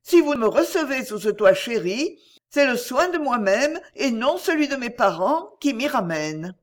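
A tender young daughter pleads with her parents, her voice raised and quivering with feeling. A woman reader puts her on in a storybook reading. Her pitch swings widely as she speaks. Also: big pitch swings, a little slow. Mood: tearful pleading. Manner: pleading, tearful.

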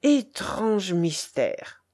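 A stern, suspicious baron, as a woman reader acts him out, questioning in a hard, harsh tone. Delivered slowly and mellow, dipping a little lower than the narration. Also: expressive. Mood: stunned. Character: angry, suspicious nobleman, a baron.

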